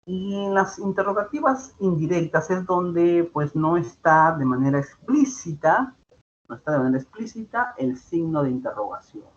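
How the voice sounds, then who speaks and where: Guy teaching grammar online, kinda high voice, keeps asking "right?", muffled lo-fi mic with a little hiss. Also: expressive, normal speed. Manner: explains patiently, repeats points, tag questions. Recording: dull lo-fi sound with faint background noise.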